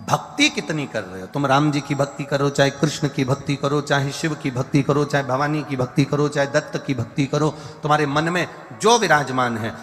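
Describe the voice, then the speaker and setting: A man's voice: a little high, a bit bright. A man preaching a devotional sermon, hammering points through repeated lists and now and then singing verses. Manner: repetitive emphatic lists, breaks into song. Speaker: katha preacher. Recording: live hall reverb with faint music.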